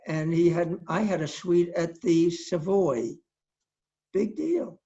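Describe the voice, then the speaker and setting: A man's voice: on the high side, steady tone, unhurried, mellow. A man in his eighties performing a solo storytelling monologue, chatty and anecdotal, acting out the people he quotes. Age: 80s. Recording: dull lo-fi streamed audio.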